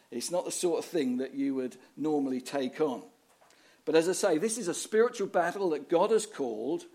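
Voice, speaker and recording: A man's voice: fairly high pitch, darkish tone. A man preaching a sermon, telling the story with rhetorical questions and dramatic readings of scripture.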